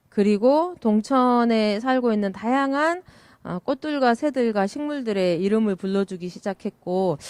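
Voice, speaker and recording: Middle-aged woman, smooth voice, dry close sound, reflective event speech with fillers. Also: medium pitch, no echo. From South Korea. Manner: warm and reflective, with many "uh" fillers. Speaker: village education researcher.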